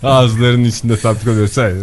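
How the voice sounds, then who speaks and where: A man's voice: mid-range voice, flat delivery, moderate pace, slight background noise. Morning radio guy with dry one-liners, mid voice, casual studio banter. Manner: wry, quipping. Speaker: radio show co-host.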